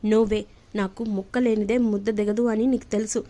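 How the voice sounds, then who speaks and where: A woman's voice: mid-range voice, fairly even intonation, moderate pace, dark tone, lightly acted. A woman voicing an angry young husband who scolds his wife, in a telling of a TV serial. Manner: scolding, indignant.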